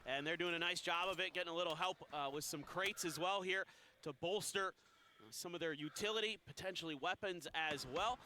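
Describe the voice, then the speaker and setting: Male esports caster, high voice, hissy restreamed audio. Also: brisk. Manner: energetic, rising when action heats up. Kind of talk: play-by-play commentary.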